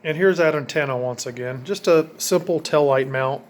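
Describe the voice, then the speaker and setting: Casually pointing out features of an install he built himself, a hobbyist talks in a plainspoken way at a moderate pace, his voice on the high side. The recording carries noticeable ambient noise.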